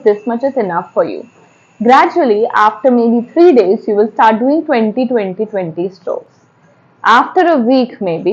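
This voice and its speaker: Higher-pitched Indian woman teaching yoga. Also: darkish tone, lo-fi sound. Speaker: yoga instructor. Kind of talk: spoken yoga tutorial with step-by-step instruction.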